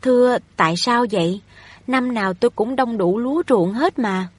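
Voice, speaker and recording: A woman's voice: a little high, normal speed, breathy edge, no room sound. A woman voicing a humble poor widowed peasant mother in a storybook reading, anxious and pleading. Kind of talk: audiobook reading of a novel.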